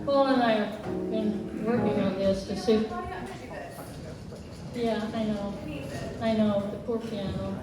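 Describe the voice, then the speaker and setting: A woman's voice: mid-range voice, steady tone. A woman in her eighties from the American South, chatting on stage at a party in a folksy, joking way. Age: 80s. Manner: folksy, joking, slow-spoken. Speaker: birthday honoree and performer. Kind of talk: casual chat on stage. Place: event venue hall. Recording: echoey hall from far off, music.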